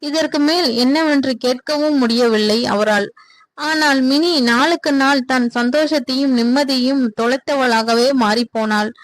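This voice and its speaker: A woman storyteller reading a serial romance story in a steady, even way. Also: high-pitched, moderate pace, no room sound, low-quality recording. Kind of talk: scripted narration of a serial story.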